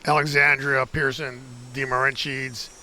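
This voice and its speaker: A man's voice: mid-range voice, level tone, measured pace, sharp tone, a little hiss or hum, low-quality recording. A man giving a casual walking-tour vlog outdoors on a university campus, talking to viewers in a rambling, self-correcting way. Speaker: video tour guide. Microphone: handheld camera.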